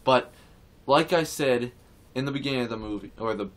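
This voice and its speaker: A male vlogger at a moderate pace and mid-range pitch gives an earnest, indignant opinion piece straight to camera. It's casual and meandering, with repeated points and many false starts.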